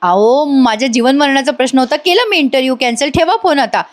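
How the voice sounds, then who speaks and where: A woman's voice: high voice, quick pace, natural voice. A woman voicing a man who dodges phone calls and makes excuses in a serial recap. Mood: evasive. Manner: flustered, evasive. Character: evasive older office boss dodging calls.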